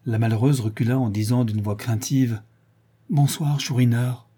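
A man narrating a classic novel in a measured, dramatic reading. His voice is dark-toned and mellow, with a faint husky grain. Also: fairly low pitch, fairly even intonation. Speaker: audiobook narrator. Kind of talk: scripted narration.

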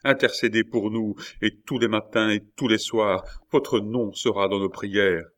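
A man's voice: fairly low pitch, steady tone, measured pace, fairly bright tone. A man pleading as a desperate old father. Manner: imploring, pleading. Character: old man, sixties, begging for his son's life.

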